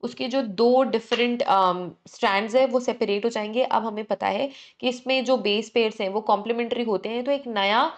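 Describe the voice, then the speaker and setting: Female lecturer running a fast exam revision class, stopping to check in and fix slips. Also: on the high side. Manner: brisk, repeats "ठीक है" to check in, self-correcting; mixes English terms into Hindi explanation. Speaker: teacher.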